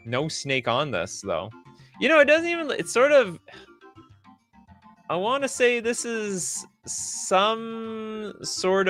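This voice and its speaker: Excitable, lively male streamer. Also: on the high side. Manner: excitable, reacts loudly to chat. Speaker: streamer rating game cards. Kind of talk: live stream commentary.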